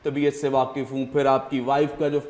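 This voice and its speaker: A man's voice: mid-range voice, completely flat delivery, a little mellow. A man hosting a studio talk show, explaining earnestly and often using fillers. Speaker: host.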